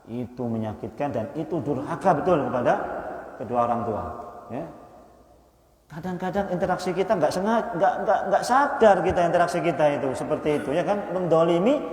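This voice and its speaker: A man's voice: fairly high pitch, darkish tone. A man preacher giving a casual mosque study talk, asking the listeners questions and joking with them. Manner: conversational, quizzes the audience and jokes. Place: mosque hall. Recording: echoey mosque hall, mic at a distance.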